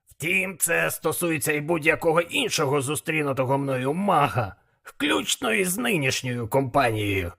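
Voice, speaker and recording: A man voicing a cautious, grumbling male devil in an audiobook, speaking in a measured way. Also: fairly high pitch, sing-song, gravelly, a bit bright, voice pushed up, full character voice. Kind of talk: audiobook character voice.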